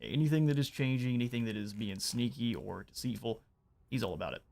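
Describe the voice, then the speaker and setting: A man's voice: medium pitch, brisk, vocal fry. Man chatting casually over a strategy game. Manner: relaxed, chatty, explains as he plays. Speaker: streamer. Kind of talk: casual gameplay commentary.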